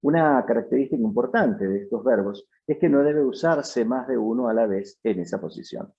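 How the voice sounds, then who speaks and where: A man teaching a lesson in measured, explanatory scripted narration. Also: mid-range voice, lively intonation, gravelly, mellow. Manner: measured, explanatory, reads out example sentences. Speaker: English teacher. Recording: dull, lo-fi sound.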